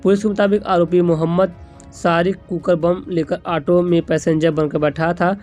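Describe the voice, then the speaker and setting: Higher-pitched man reading breaking news over music. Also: level tone, normal speed, a little mellow. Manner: stumbles and repeats words while reading. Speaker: news presenter.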